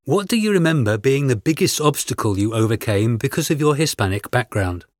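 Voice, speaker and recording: A man reading a scripted interview with measured, announcer-like delivery, introducing each extract and asking the questions. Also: medium pitch, expressive, no echo, studio quality. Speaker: interviewer and exam narrator.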